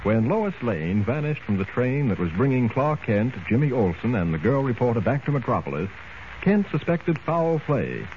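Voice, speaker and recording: A man's voice: mid-range voice, big pitch swings. Old radio drama narrator man. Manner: measured storytelling delivery. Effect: old radio broadcast sound. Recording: dull lo-fi old radio recording, faint hiss.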